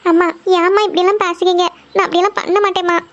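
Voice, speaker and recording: A woman's voice: extremely high pitch, little pitch movement, quick pace, muffled recording. A woman voicing a meek young daughter, pleading and protesting with her mother.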